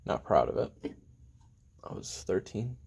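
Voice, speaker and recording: Wry and reflective, this audio drama monologue has a voice actor in an exaggerated voice as a weary, bitter, regretful assassin confiding a halting memoir of his youth. The sound is very deep, gravelly, husky and often breathy, darkish in tone, with big pitch swings and drops toward whispers.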